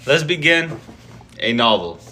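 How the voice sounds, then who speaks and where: A man in his twenties with a bright, forceful voice, rambling casually to his viewers before a live reading. He meanders and pokes fun at himself, restarting sentences and filling gaps with "um" and "uh". A faint hiss of noise sits underneath. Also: medium pitch, very animated, measured pace. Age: 20s. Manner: meandering, self-deprecating, lots of fillers and restarts. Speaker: live-stream book reader.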